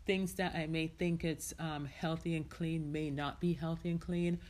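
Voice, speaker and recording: Chatty Jamaican-born woman, lowish voice. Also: fairly even intonation, moderate pace, darkish tone. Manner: chatty, rambling, heartfelt, many "you know"s. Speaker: podcast host. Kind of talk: casual solo podcast chat.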